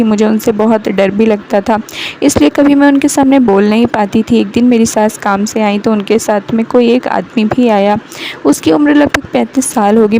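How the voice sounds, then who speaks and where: A woman storyteller narrates a family drama in the first person. Her voice sits a little high but sounds mellow and dark, with a gravelly fry. Faint background hiss runs under the recording. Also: low-quality recording. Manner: reads every part herself, mother-in-law and man included, in her own voice.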